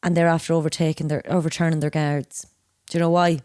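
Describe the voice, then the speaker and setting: A young Irish woman co-hosts a casual podcast, talking fast in a low voice with a clean tone and echo-free studio sound. She's a lively storyteller, spinning crude, rambling tales full of banter and frequent laughter.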